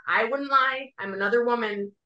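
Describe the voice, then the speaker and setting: Bright, teasing woman co-host. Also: fairly high pitch, normal speed, roomy sound, lo-fi sound. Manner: teasing, playful. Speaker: podcast co-host. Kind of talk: casual chat.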